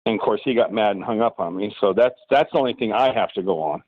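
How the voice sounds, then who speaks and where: A man's voice: on the low side, fast, no room sound. A man calling in to a talk show over a phone line on speakerphone, chatting casually and rambling with restarts. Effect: heard over a phone line on speakerphone. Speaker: caller. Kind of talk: casual call-in chat. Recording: muffled dry phone line.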